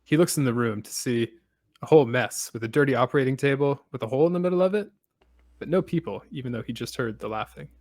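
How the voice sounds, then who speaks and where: Male podcast host, casual recapper with deadpan asides, dry close sound. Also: mid-range voice, fast, dry recording. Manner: steady storytelling with dry asides.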